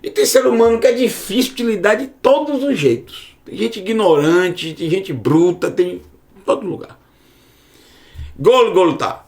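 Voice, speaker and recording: A man's voice: high-pitched, lively intonation, unhurried, a little mellow. A man giving a casual online Hebrew lesson, repeating words to drill their sound. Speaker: Hebrew teacher.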